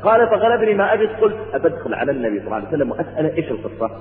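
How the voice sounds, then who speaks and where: Fast dramatic preacher, tinny hall sound. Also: male voice, a little high, sing-song. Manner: dramatic retelling, acting out the people in the story. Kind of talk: sermon storytelling. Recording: tinny phone-like sound with roomy hall echo and faint hum.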